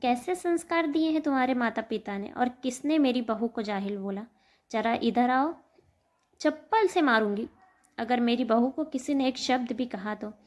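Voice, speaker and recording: A woman voicing a sharp-tongued, scolding old mother-in-law in a told story. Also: fairly high pitch, normal speed, lightly acted. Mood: furious. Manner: scolding, loud.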